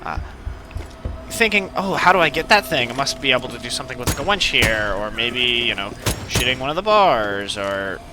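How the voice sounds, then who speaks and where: At a normal speed and with a mid-range, animated voice, this man hosts a gaming video. His let's play commentary is casual and meandering, sprinkled with playful asides, while game gunfire and effects sound in the background.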